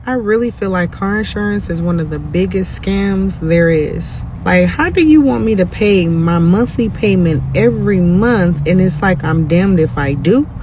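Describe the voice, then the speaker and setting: Mid-pitched indignant casual rant, faint street noise. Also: darkish tone. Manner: indignant, uses y'all.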